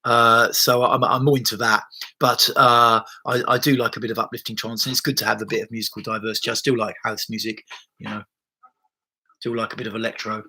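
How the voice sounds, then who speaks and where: Fairly quick and flat, this man's low-ish voice comes across pushed and bright through a rough laptop-mic recording with a little hiss or hum. A body-based therapist, he rambles through viewer comments on his livestream, loose and conversational, often restarting and swearing.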